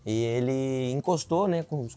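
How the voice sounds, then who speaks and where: A man in his twenties running for city council earnestly tells his life story in an interview, often adding filler tags. His mid-range voice is unhurried, warm, and smooth.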